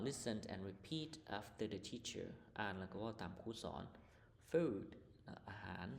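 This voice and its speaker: Lao-male teacher, slow and gravelly, patient, repeats every word. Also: lowish voice, in a large hall, slight background noise. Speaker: English teacher. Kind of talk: vocabulary lesson explanation.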